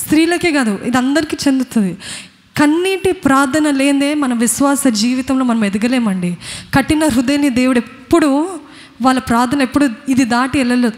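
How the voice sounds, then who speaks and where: A woman's voice: high-pitched, a little fast. A woman with a Telugu accent preaching a sermon, earnestly questioning her congregation. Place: church. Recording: long hall reverb.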